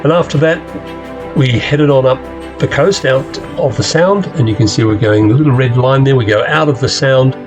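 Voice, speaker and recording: A man giving a rambling, relaxed slide-show talk to a club, with plenty of fillers as he steps through his pictures. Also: medium pitch, normal speed, music in the background. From Australia. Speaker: club presenter.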